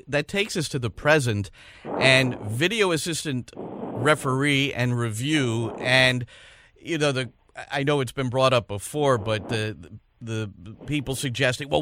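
A man's voice: medium pitch, fairly bright tone, slight background noise. A man hosting a radio interview and introducing his guest. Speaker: radio host.

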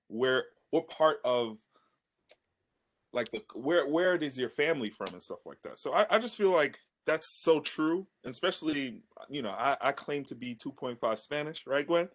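An upbeat man in a casual chat whose pitch swings widely as he agrees and chimes in. His delivery is friendly and quick. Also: animated, fairly bright tone. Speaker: podcast co-host.

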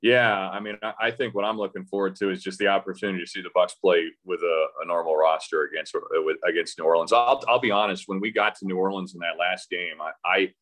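Hardly pausing, this fast-talking man has a low, steady, fairly bright voice. A radio play-by-play announcer on a podcast as a guest, he talks casually about the game, hesitant and thinking aloud with lots of restarts.

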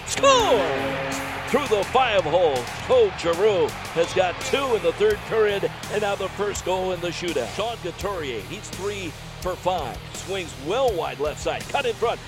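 A man delivering rapid hockey play-by-play as an announcer, in excited, clipped calls that rise toward shouted goal calls. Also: high-pitched. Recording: broadcast clip with loud music. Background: loud music.

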